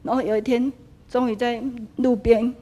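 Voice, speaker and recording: A woman's voice: fairly high pitch, flat delivery, normal speed, dark tone. A woman with a Taiwanese accent, in her thirties or forties, telling a teacher her personal story, slipping into Taiwanese Hokkien when quoting people. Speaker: attendee asking a spiritual teacher. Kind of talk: personal testimony in a dharma hall.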